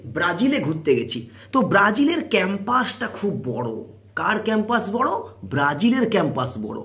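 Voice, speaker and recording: Male online tutor, animated sing-song delivery, quizzing viewers again and again. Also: high voice. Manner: drills with repeated questions and answers. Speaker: quiz teacher. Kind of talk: YouTube general-knowledge lesson.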